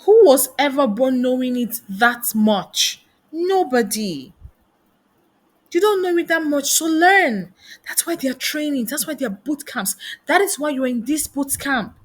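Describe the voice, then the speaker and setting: A woman's voice: high voice, animated, unhurried. A woman giving a motivational career lesson, firing off rhetorical questions. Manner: asks many rhetorical questions. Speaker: career coach and trainer. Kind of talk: motivational teaching talk.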